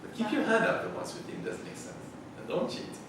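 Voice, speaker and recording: Animated man quizzing a workshop. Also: high-pitched. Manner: presses with quick repeated questions. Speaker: workshop leader. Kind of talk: Socratic workshop questioning. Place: workshop room with adults. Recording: echoey room, distant mic, noisy.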